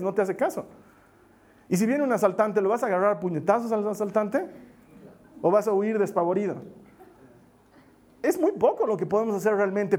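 A man. He moves between firm, raised emphasis and quiet, hushed prayers, acting out anxious inner voices as he speaks. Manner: acts out worried voices, swings between loud emphasis and soft low prayer. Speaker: pastor. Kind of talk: sermon.

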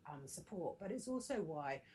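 A middle-aged woman, a business coach, chatting as a podcast guest in a lively, animated way. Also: fairly low pitch, moderate pace, a little hiss or hum, rough recording. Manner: chatty and animated, laughs often. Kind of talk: casual podcast conversation.

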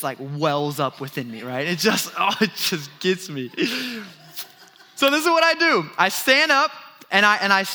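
Animated, bright-voiced young pastor. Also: male voice, high-pitched. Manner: animated storytelling with self-deprecating laughs and repeated restarts. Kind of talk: sermon.

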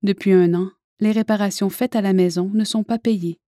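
A woman reading a first-person spiritual memoir aloud in a calm, earnest way. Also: medium pitch, moderate pace, dry recording, clean studio sound.

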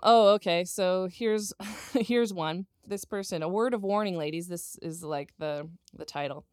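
A woman's voice: fairly low pitch, unhurried, clear, resonant tone, no echo, clean studio sound. A woman co-hosting a podcast in casual chat, laughing and reading listener messages aloud. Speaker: podcast co-host.

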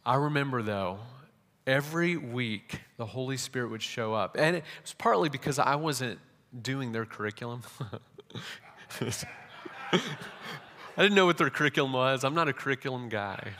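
Brief: young male preacher, animated sermon storytelling, medium pitch, long church-hall reverb. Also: moderate pace, a little hiss or hum. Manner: animated, many restarts.

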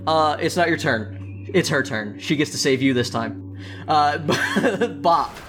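A man's voice: a little high, animated, takes it slowly, over music. A man narrating a tabletop game as game master in a casual, improvised way.

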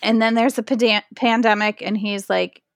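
A woman's voice: medium pitch, moderate pace, vocal fry, no echo, clean studio sound. A woman, a pastor, talking animatedly with lots of "like" fillers in a podcast interview. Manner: animated storytelling, frequent "like" fillers. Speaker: pastor and guest.

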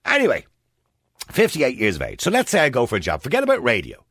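A man's voice: mid-range voice, huge pitch swings, quick pace, fairly bright tone, slightly rough, no room sound, clean studio sound. A man in his fifties with an Irish accent, hosting a talk radio show and putting questions to listeners in a chatty, opinionated way. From Ireland. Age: 50s.

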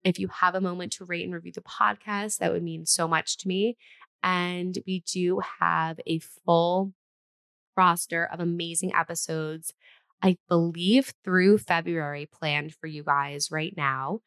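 A podcast host with a low, raspy voice who sounds worn out and a little short of breath. She talks in a loose, chatty way, wandering off and restarting her sentences as she goes. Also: fairly even intonation, a little slow, fairly bright tone. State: tired, winded. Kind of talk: solo podcast intro then casual chat.

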